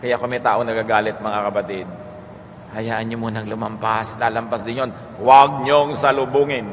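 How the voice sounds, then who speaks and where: A man with a Filipino accent giving a calm teaching sermon, moving between Tagalog and English. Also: mid-range voice. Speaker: preacher. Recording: long hall reverb with faint noise.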